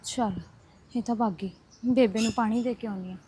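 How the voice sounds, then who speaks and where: A woman's voice: a little high, fairly even intonation, brisk, warm tone, slight background noise, close to an everyday voice. A woman playing a kind young neighbour who comforts an old woman in a reassuring tone. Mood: soothing. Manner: soothing, reassuring.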